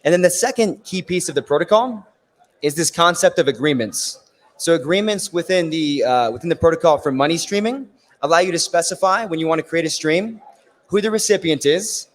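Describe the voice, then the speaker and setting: A man with a raspy, worn voice giving a technical conference presentation, explaining things step by step and often checking in with "right?". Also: a little high, lively intonation, moderate pace. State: losing his voice. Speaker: conference speaker. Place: conference stage in a large hall. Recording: long hall reverb.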